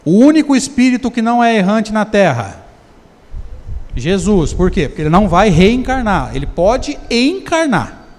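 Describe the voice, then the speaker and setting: A man's voice: sits high, big pitch swings, normal speed, darkish tone. A man with a Brazilian Portuguese accent giving a conversational seminar lecture, often putting questions to the audience. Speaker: spiritist lecturer. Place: lecture hall. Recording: long hall reverb.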